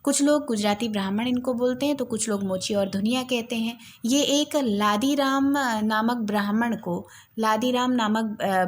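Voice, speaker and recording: Woman, fairly high voice, literature teacher, exam-prep lecture, repeats key points, frequent fillers. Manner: slow, careful recitation of verses.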